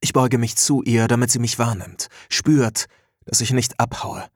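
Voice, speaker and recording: A man narrating a story in the first person, measured and introspective. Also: mid-range voice, steady tone, no echo, clean studio sound.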